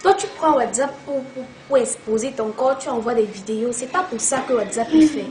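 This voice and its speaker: A woman's voice: a little high, fairly quick, noisy background, lightly acted. An actress playing a young woman friend who presses with questions and then lectures firmly. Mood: lecturing. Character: scolding young woman friend, nagging and preachy. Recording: echoey room with loud music behind.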